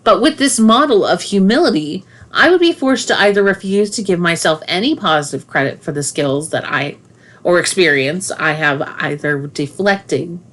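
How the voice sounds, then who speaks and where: A woman with a somewhat low voice reads her own nonfiction book aloud. She is a family therapist and takes the text at a measured, deliberate pace, explaining each point with care. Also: lively intonation, fairly bright tone.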